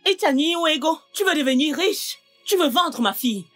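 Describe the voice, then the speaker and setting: A woman's voice: high voice, animated, moderate pace, fairly bright tone, faint music behind. A woman dubbing a distraught mother of a missing daughter into French, tearful, pleading and accusing. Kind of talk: French film dub.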